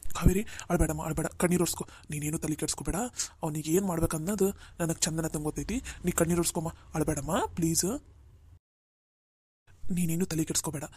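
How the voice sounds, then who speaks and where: A woman's voice: deep voice, darkish tone, slightly rough, no echo. A woman voicing a firm, caring older brother in a cartoon, who reassures his sister again and again. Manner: firm, reassuring, repeats "all right?". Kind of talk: cartoon voice acting.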